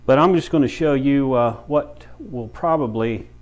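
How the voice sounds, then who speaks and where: In a small, brick-walled room with many windows, a man in his fifties, a beekeeper who owns a bee farm shop and teaches, walks beginners through the basics step by step. His medium-pitched voice is a little mellow, and he talks in an informal, folksy way with halting phrases.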